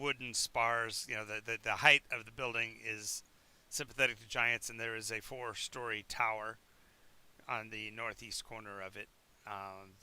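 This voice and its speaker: Bright, crisp game master man. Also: on the low side. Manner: rambling descriptive narration with restarts; chewing while talking. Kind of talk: running a tabletop game on a live stream.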